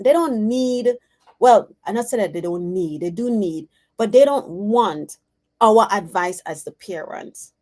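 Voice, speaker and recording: A woman's voice: a little high, darkish tone. A woman in her forties giving an intuitive card reading, talking earnestly and animatedly, often correcting herself mid-sentence. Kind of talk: casual spoken reading.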